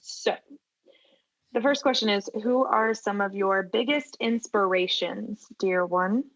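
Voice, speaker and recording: A woman's voice: medium pitch, slow pace, a bit bright, no echo. Thirties woman hosting a church parenting podcast; upbeat, light announcer tone, dry and slightly dull recording. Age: 30s. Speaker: podcast host, family pastor. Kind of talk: casual chat, hosting.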